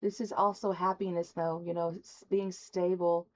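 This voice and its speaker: A woman's voice: on the low side, level tone, moderate pace, dull audio. A woman giving a rambling, folksy spiritual tarot reading to her viewers. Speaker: tarot reader. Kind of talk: casual spoken tarot reading.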